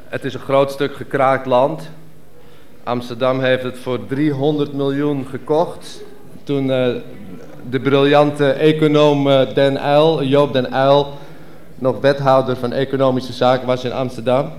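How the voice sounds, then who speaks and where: A man's voice: mid-range voice, level tone, measured pace, a little mellow, a little hiss or hum. A man performing his own poetry theatrically, switching between characters. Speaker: poet.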